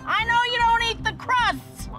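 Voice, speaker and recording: A man's voice: very high voice, measured pace. A middle-aged man playing a goofy, hungry, sneaky pool coach on a kids' show, talking in an exaggerated, wheedling way. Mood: pleading. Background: music.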